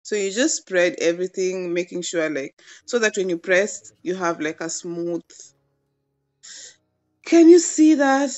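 Young woman doing a chatty cooking voice-over, lowish voice, kinda dull home recording. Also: animated, measured pace, darkish tone, faint music behind. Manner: chatty, playful, gushing about food. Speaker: cooking vlogger. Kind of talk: casual voice-over cooking demo.

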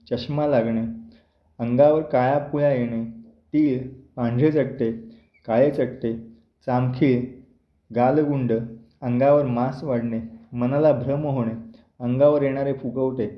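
A man reading a Marathi translation of a devotional text, going through a long list in a plain, even manner. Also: medium pitch. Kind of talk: steady recitation of a list. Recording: dull roomy home recording.

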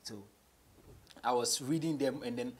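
A young rapper from Ghana, being interviewed on a couch in a cramped radio studio office, relaxes into stories told in a blend of English and Twi. He speaks at a medium pitch without hurrying, and crowd noise can be heard.

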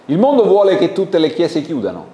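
A man with an Italian accent preaching a sermon in a lively, conversational way, asking the congregation questions. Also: fairly high pitch, a little fast. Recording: echoey church hall with faint background noise.

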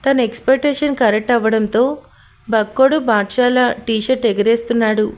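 Woman reading out a love story, chatty lively way, kinda high voice. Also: fairly quick. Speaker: audio story narrator. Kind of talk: storytelling narration.

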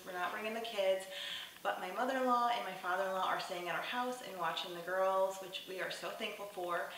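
Thirties mom chatting about cleaning, bright voice, lots of likes and ums, super echoey kitchen, kinda far from the mic. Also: female voice, mid-range voice. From New York state. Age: 30s. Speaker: lifestyle vlogger. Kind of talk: casual clean-with-me voice-over. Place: home kitchen. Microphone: far camera. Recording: very echoey room, voice from a distance, faint hiss.

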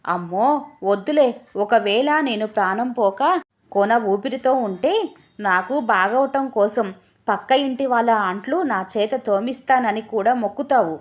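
A woman's voice: mid-range voice, moderate pace, lo-fi sound, natural voice. A woman voicing a coaxing, innocently teasing wife in an audio story. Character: sweet-talking, teasing young wife.

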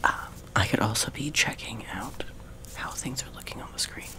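A young man speaks in a hushed ASMR whisper, right up in your ear. He rambles softly as a host, very close to a sensitive microphone. The voice is breath more than tone. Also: mid-range voice, normal speed. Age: young adult. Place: small room at home, seated on a love seat. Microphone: sensitive high-gain close microphone.

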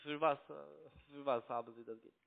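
In broken German, this pushy, mocking call center trading broker (Italian by upbringing and first language) talks on the phone a little fast. His pitch is medium and his tone steady, and the audio comes through a tinny phone line.

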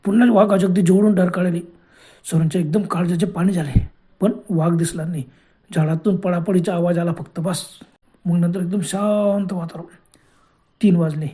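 A man's voice: high voice, fairly even intonation, normal speed, warm tone. A man narrating a horror story in a dramatic way, often exclaiming in fright.

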